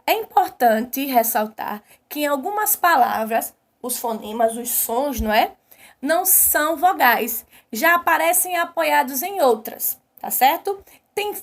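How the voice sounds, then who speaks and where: A woman teacher with a Brazilian Portuguese accent giving an online class to young children in a sing-song way, stretching key words slowly and putting questions to the class. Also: sits high.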